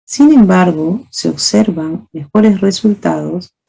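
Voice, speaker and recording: Slow, gravelly woman teacher lecturing. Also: lowish voice, dark tone. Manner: explains with spoken examples and rhetorical questions; often asks "¿no?" to check understanding. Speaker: teacher speaking to fellow teachers. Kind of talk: recorded lecture on early reading.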